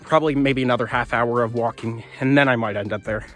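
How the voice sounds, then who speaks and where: A man's voice: medium pitch, fairly even intonation, quick pace, a bit bright. A young man narrates his own hike into a handheld camera on a windy wooded trail. He talks chattily and rambles a little, and he sounds winded from the climb. Faint music sits underneath his voice. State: out of breath. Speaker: vlogger. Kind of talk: hiking vlog to camera.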